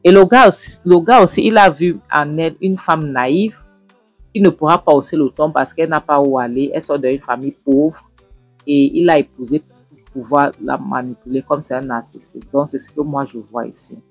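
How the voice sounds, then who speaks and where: Guy recapping a drama series, lively storytelling, dry close sound, faint music behind. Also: a little high, moderate pace, slightly rough, no echo. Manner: animated storytelling, speaking straight to viewers. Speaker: series reviewer. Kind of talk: retelling and commenting on a drama series.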